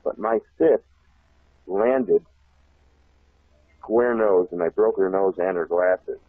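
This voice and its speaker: A man telling a long childhood story on a talk show, animated and laughing often. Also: sits low, slow, gravelly, a little hiss or hum. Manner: animated, laughs often, acts out shouted voices. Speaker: guest telling a life story. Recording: tinny phone line.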